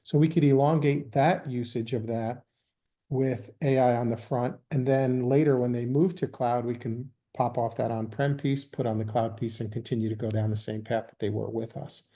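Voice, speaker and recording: A sales executive appears as a guest in a business interview, talking through business topics at an even, measured pace. His medium-pitched voice is dark and mellow, and his explanations are filled with ums and uhs.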